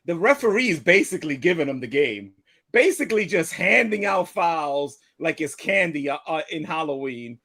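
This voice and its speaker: A middle-aged man hosting a casual sports talk livestream, excitable and laughing, trash-talking and restarting his words. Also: fairly high pitch, normal speed. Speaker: sports talk show host.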